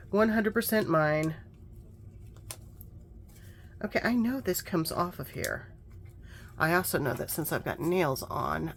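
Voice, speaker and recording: A woman's voice: sits low, creaky, slight background noise. A woman chatting casually while working on a craft journal, telling stories and muttering to herself over her work. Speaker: craft vlogger.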